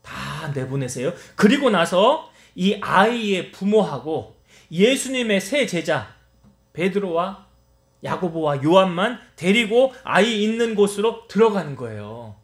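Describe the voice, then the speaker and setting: Echoey, high-voiced Korean preacher man. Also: sing-song, a little slow. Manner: storytelling preacher acting out quoted lines. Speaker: pastor. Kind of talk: sermon. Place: church sanctuary. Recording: echoey church hall.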